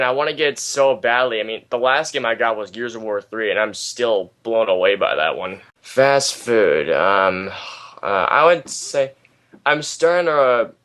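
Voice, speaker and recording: A young American man chatting as an interview guest, middle-pitched and unhurried. He rambles, fills gaps with ums, and perks up whenever he gets excited about something he loves. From United States. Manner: rambling, hesitant with many ums, enthusiastic. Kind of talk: casual interview chat.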